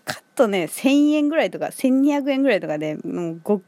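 Kansai woman, solo chat host; bouncy, expressive delivery, laughs a lot, close and dry. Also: fairly high pitch, quick pace, no room sound. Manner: chatty, laughs often, many fillers. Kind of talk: casual solo monologue.

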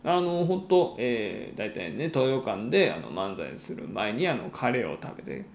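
A man hosting a solo podcast, chatting in polite, formal announcer-like phrasing with frequent pauses. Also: mid-range voice, very animated, gravelly, roomy sound, a little hiss or hum. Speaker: podcast host and stand-up comedian.

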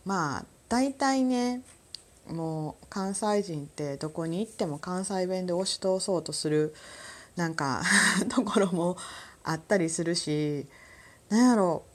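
A woman from Kansai with a Kansai accent, hosting a casual solo talk show, chatty and quick to laugh. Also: fairly low pitch. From Kansai, Japan. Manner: chatty, laughs often, lively sound words. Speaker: podcast host.

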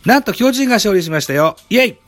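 A man's voice: sits high, lively intonation, quick pace, slight background noise. A man hosting a baseball game review, speaking in very polite, formal announcer-like phrasing. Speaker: host.

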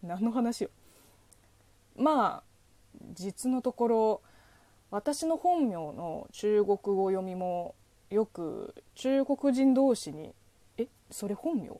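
A woman's voice: medium pitch, animated, extremely slow, dark tone, no echo. A woman from China with a Chinese accent, hosting a solo podcast and answering a listener letter with playful, teasing asides. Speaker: podcast host.

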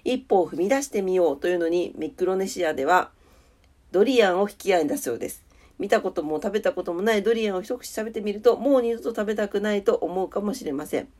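A woman's voice: medium pitch, animated, fast talker, a little mellow. A woman with a congested, nasal voice hosting a casual morning radio-style show in a polite, chatty way. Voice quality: nasal, stuffed-up voice. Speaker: solo morning audio show host. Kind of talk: casual morning radio-style chat with weather and daily notes.

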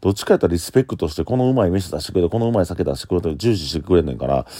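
A standing bar owner with a Kansai accent talks casually on his own, blunt and opinionated. His low, expressive voice races along yet stays mellow, and there is no room sound.

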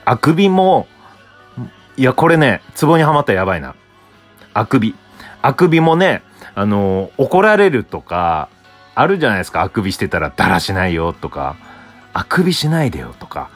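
A young man from Hokkaido hosting a solo podcast, rambling casually and answering himself with soft filler sounds. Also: mid-range voice. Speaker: podcast host.

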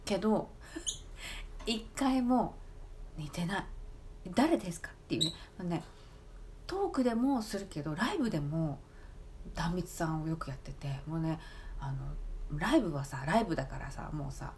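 Chatty laughing woman, lively pitch. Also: normal speed, pauses often, a little hiss or hum. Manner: chatty, laughing, lots of fillers and asides. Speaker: talk app streamer. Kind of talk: casual monologue.

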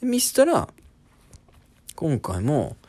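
A man's voice: fairly high pitch, huge pitch swings, takes it slowly, a little mellow. A man in his twenties, a comedian hosting a podcast, telling an embarrassing story in a casual, self-deprecating comic monologue. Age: 20s.

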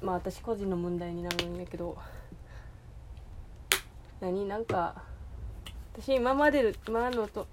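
A woman's voice: mid-range voice, fairly even intonation, slow, pauses often, very noisy. Rambling Osaka-accented woman chatting. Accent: Kansai (Osaka). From Osaka, Japan. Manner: rambling, hesitant, full of fillers and restarts. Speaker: podcast host. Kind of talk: casual solo chat.

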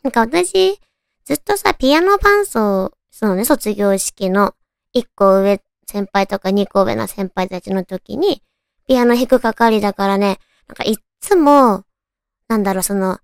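A woman with a naturally cute, girlish anime-style voice hosts a casual solo radio chat, talking to her listeners in a cutesy, animated way. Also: mid-range voice, unhurried, vocal fry, clean tone, no room sound, studio quality. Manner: cutesy, animated, addressing listeners with soft questions. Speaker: radio show host.

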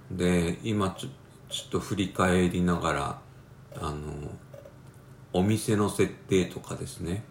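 A man's voice: low voice, creaky. A man with a stuffy nose from a cold, rambling in a casual solo talk with many fillers. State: congested, nasal from a cold. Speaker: podcast host. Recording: roomy with faint background noise.

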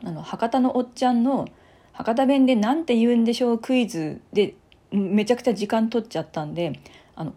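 A woman hosting her own podcast, chatting casually and softly with little laughs and asides. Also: fairly high pitch. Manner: chatty, soft-spoken, giggly asides. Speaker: podcast host. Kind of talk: casual solo talk.

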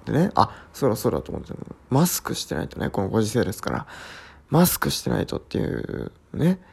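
A drowsy man hosts a casual solo talk show, winding through a long story that keeps circling back on itself. His voice has a gravelly, creaky edge. His pitch rises and falls in lively swings as he dwells on each detail. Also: brisk. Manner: rambling and repetitive, heavy on sound words. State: sleepy. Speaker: podcast host.

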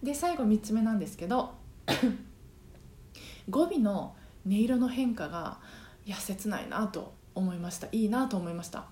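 A woman's voice: mid-range voice, expressive, measured pace, warm tone, echoey room. A woman who works as a singing trainer, hosting her own podcast in a casual, chatty way with many fillers. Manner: chatty, many fillers, sings short phrases to demonstrate. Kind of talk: casual solo podcast talk. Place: apartment home.

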